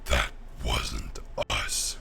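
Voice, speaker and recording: A man voicing a menacing, embittered dragonborn with a slow, growling, gravelly dragon voice in a tabletop game. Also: sharp tone, a little hiss or hum.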